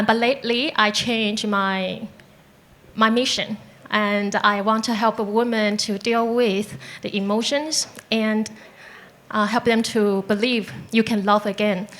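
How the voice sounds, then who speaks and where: A woman's voice: medium pitch, a bit bright. A woman from Taiwan, a business consultant speaking as a guest on a live panel, open and heartfelt, with simple phrasing.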